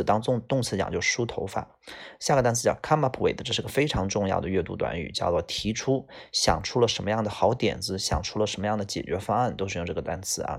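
A man's voice: low-pitched, creaky. A man teaching English vocabulary to students, explaining one word after another and repeating each key word. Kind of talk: vocabulary lesson.

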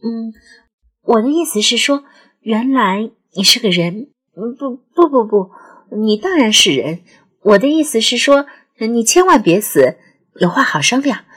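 A woman's voice: on the high side, big pitch swings, a little slow, breathy edge, exaggerated voice. A woman voicing an impatient young woman who pleads and scolds a strange caller. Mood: exasperated. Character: exasperated young woman Xiaowan.

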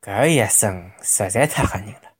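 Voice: low-pitched, lively intonation, normal speed, breathy edge. A storyteller with a Shanghainese accent narrating a children's story expressively, with vivid sound words.

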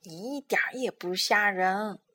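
Woman doing a motherly little girl, gentle and coaxing, unhurried, bedtime storybook. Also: medium pitch, pitched below the performer's own voice. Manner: firm yet gentle, coaxing. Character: patient, motherly young girl.

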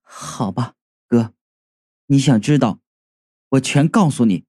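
A man voicing a guilt-ridden teenage boy ghost whose hoarse voice is still breaking, speaking in a subdued, pleading way. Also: mid-range voice, takes it slowly, dark tone, pitched below the performer's own voice. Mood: guilty, sorrowful.

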